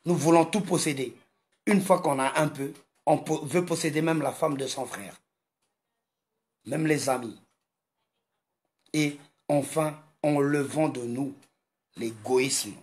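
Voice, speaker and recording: A man from Congo delivering an impassioned monologue in a slow, emphatic, repetitive manner. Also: a little high, darkish tone. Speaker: video commentator.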